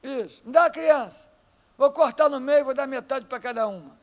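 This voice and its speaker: A man with a Brazilian Portuguese accent voicing a calm, wise old king settling a dispute in a sermon retelling. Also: very high voice, normal speed, long reverb tail, pitched above the performer's own voice. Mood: commanding. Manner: calm and commanding.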